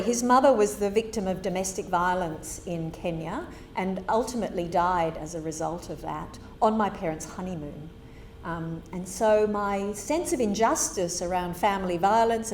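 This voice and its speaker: Woman from Zimbabwe, middle-aged, guest lecturer, candid conversational delivery, roomy hall with a faint hum. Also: medium pitch. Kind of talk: public lecture.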